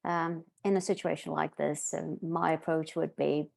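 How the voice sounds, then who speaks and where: A woman moderating a panel discussion, polite and a little halting as she hands over to speakers. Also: sits low, flat delivery, vocal fry, darkish tone. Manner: polite, with fillers.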